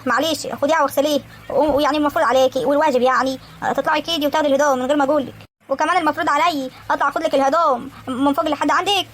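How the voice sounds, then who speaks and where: A woman's voice: sits high, steady tone, very fast, slight background noise, natural voice. A woman voicing a bossy pregnant stepmother in a cartoon, nagging and ordering the girl around.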